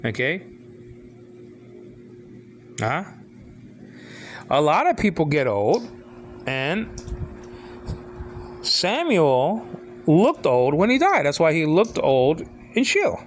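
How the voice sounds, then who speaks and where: A man of sixty giving an informal talk on faith, halting and repeating himself, often asking if the listener follows. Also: a little high, wildly swooping pitch, a little hiss or hum. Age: 60s. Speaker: father speaking on faith.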